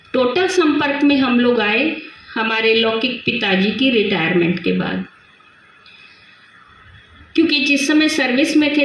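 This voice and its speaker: An older woman from Delhi gives a personal spiritual testimony with a fairly high voice. She reminisces and repeats words as memories come back. The recording is very echoey and dull, with a faint hiss. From Delhi, India. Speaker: Brahma Kumaris sister sharing her experience.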